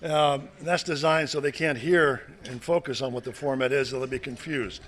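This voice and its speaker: A man's voice: medium pitch, fairly even intonation, normal speed, fairly bright tone. A man moderating a candidate forum in a meeting hall, reading out the rules with small asides. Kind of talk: formal announcement of rules.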